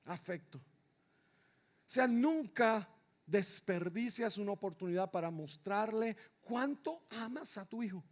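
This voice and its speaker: A male pastor delivers an impassioned sermon in a church. His voice sits very high for a man, and he preaches slowly and deliberately, repeating key phrases. He swings from loud shouts down to hushed, near-whispered lines. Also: expressive. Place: church sanctuary.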